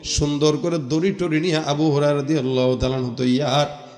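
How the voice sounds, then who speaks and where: A man preaching a Bengali waz sermon, fiery and sing-song, swinging between shouted lines and hushed storytelling. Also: a little high, level tone, fairly quick, big-room sound.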